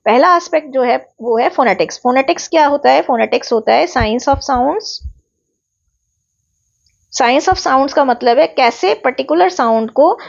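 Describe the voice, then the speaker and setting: High-voiced woman teacher, slightly muffled recording. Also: lively intonation, gravelly. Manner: explains step by step, mixing in English terms; drags out example words slowly to show stress. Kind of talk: recorded exam-prep lecture.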